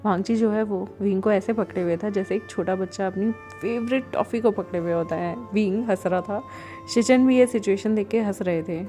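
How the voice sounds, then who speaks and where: A woman storyteller narrating a fan fiction story in a lively, conversational way. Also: mid-range voice, moderate pace, faint music behind.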